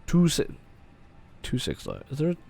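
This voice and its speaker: A man's voice: on the high side, huge pitch swings, normal speed, gravelly, mellow. A man streaming a flight simulator with casual commentary, muttering to himself and swearing freely. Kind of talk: casual livestream gameplay commentary.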